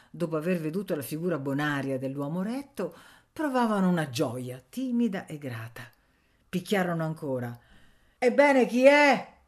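Low-pitched female narrator, measured audiobook reading. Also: a little mellow. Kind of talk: scripted narration.

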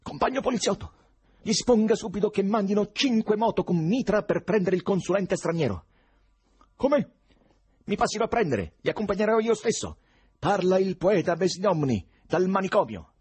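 A man voicing an agitated young male poet who shouts shrilly, with a husky voice, in an audiobook. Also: sing-song, moderate pace, full character voice. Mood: frantic. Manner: high-pitched, shrill shouting. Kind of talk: audiobook character voice.

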